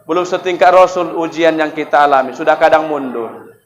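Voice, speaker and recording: Animated preacher man, higher voice. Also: fairly quick, dull audio. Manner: lively storytelling with rhetorical questions to the congregation; acts out quoted dialogue in shifting voices. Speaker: Islamic preacher. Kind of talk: sermon at a mosque fast-breaking gathering. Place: mosque.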